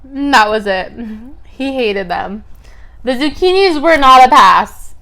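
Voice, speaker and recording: A mukbang vlogger in her twenties chats casually with viewers between bites, filling her speech with "like," and chewing sounds come between her lines. Her voice is a little high, pushed and bright, with lively intonation and a slow pace.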